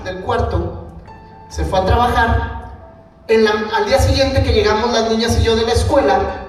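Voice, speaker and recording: A man's voice: high voice, recorded from a distance. A man in his thirties with a Mexican Spanish accent gives a conference talk, telling family stories and acting out what his daughter and wife said. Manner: storytelling, acts out his daughter's and wife's lines. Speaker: speaker at a family ministry conference. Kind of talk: conference talk with personal anecdote. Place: large hall with audience. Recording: echoey hall, mic from afar, faint music.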